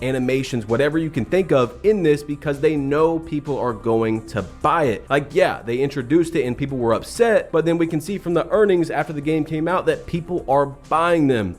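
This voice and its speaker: A man narrating a critical commentary video, explaining things as he goes. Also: a little high.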